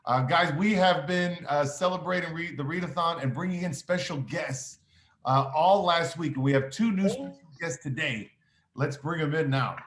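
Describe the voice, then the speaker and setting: A man's voice: on the high side, normal speed, fairly bright tone. A man giving upbeat school intercom morning announcements as principal, encouraging, with frequent "uh" fillers. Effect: school intercom announcement sound. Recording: echoey room with faint noise.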